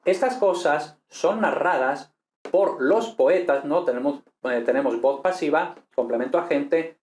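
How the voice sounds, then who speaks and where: A man teaching Latin, explaining a text in a relaxed, chatty way with many fillers and questions tacked on at the end. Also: mid-range voice. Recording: roomy echo.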